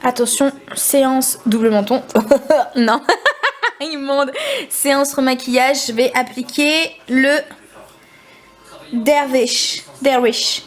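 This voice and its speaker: A young woman with a regional French accent, vlogging casually into a handheld camera, chatty and quick to laugh. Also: high voice, fairly even intonation. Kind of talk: casual vlog chat.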